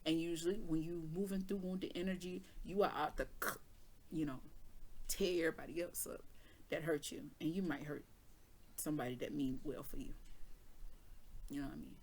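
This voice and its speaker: A woman's voice: deep voice, fairly even intonation, moderate pace, pauses often, a little mellow. A woman doing a casual tarot reading who talks candidly, jokes, laughs often and swears now and then. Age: adult with children. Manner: candid, joking, with frequent laughs and mild swearing. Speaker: tarot reader.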